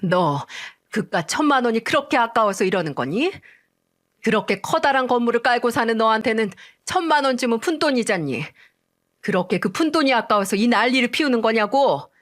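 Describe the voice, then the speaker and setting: Lady doing a bossy old mother-in-law, pitched up, scolding all over the place. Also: animated, fairly quick, natural voice. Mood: shrill scolding. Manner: nagging, scornful. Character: greedy older mother-in-law, shrill and scolding.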